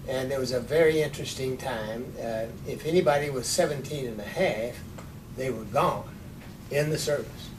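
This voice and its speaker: Man in his nineties, oral history interviewee, unhurried with dry wit, distant mic with low rumble. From Texas. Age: 90s. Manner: unhurried storytelling with dry humor. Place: office with large windows.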